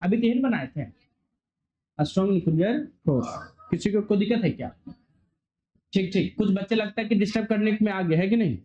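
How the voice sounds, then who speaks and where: A male physics teacher lecturing a classroom, firing quick questions and waiting for students to answer. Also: sits high. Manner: quizzing students, call-and-response. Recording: dull lo-fi recording.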